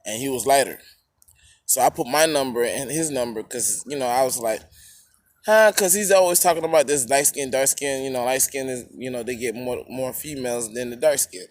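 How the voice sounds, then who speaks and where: A man telling a rambling personal story to camera, halting with fillers and restarts, eating while he talks. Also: medium pitch, darkish tone, dry recording.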